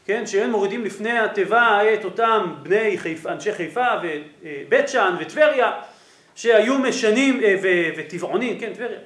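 In an echoey room, a rabbi gives a Torah lesson on religious law, his voice fairly high for a man and fairly bright. He explains patiently, works through his sources, and keeps checking in with a rhetorical "right?" to see if listeners follow.

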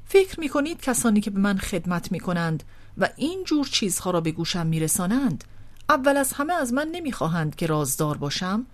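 A woman's voice: medium pitch, very animated, lightly acted. A woman reading an audiobook voices a haughty, volatile older aristocratic man who swings theatrically between scolding and tenderness. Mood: indignant.

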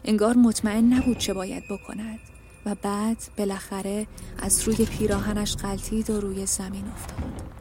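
A woman narrating an audiobook, reading a novel in an even, measured, subdued way over soft music. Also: medium pitch, background noise.

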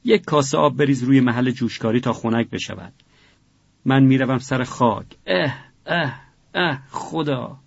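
A man reading a story voices a grieving, stern middle-aged father in a husky, gravelly voice, in a dull, muffled recording. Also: medium pitch, no echo. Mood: anguished. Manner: pleading, anguished repeated commands.

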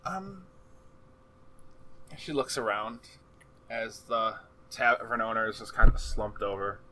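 A man narrating a tabletop game as game master, improvising in a halting but animated way. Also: fairly low pitch. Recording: some room noise behind the voice.

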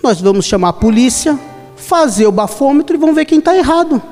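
Brief: calm, gentle old countryman over 60 with a Brazilian accent , as a preacher puts him on, high voice, with church echo and soft music behind. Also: brisk. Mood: sly. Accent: Brazilian Portuguese. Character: calm, sly old countryman, truck driver.

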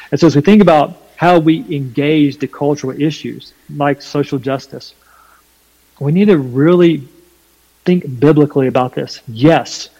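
A man with a Southern US accent and a slight twang, explaining his faith emphatically and deliberately in a preaching style during a conversation. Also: a little high, dark tone, dull audio. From North Carolina, USA. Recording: long hall reverb.

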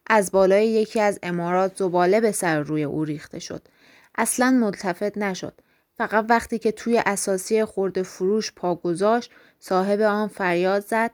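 A woman reading a story aloud in steady, measured narration. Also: medium pitch. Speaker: audiobook reader. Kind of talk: scripted narration.

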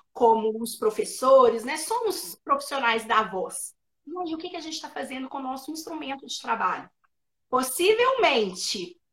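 Mineira woman, speech therapist guest, high voice, animated, tip-giving. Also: rough recording. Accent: Minas Gerais Brazilian Portuguese. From Minas Gerais, Brazil. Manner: animated, practical, gives tips with examples. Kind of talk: explanatory interview answers. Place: remote live video session.

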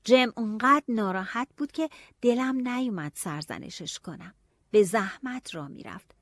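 Expressive woman narrating a story. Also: a little high, no echo, studio quality. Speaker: audiobook narrator. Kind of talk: first-person storybook narration.

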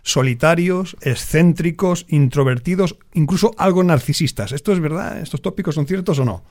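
A man's voice: on the high side, moderate pace, a little mellow. Man hosting a radio panel. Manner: brief backchannels and finishing guests' sentences. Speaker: host.

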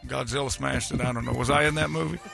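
A man voicing a cranky, forgetful, rambling very old man in a gravelly voice for radio comedy. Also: medium pitch, steady tone, quick pace. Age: very old (played). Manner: grumpy, rambling, domineering. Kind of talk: improvised radio comedy impression. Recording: loud music behind.

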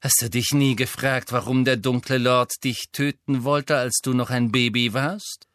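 A man voicing a cold, sneering aristocratic wizard villain with a slow, menacing drawl in an audiobook reading. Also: mid-range voice, fairly even intonation, a bit bright, no room sound, studio quality, natural voice.

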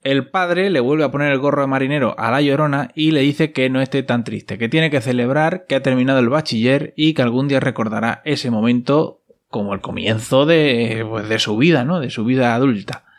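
A man's voice: medium pitch, brisk. A young man, recapping a series casually with wry, ironic asides. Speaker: host.

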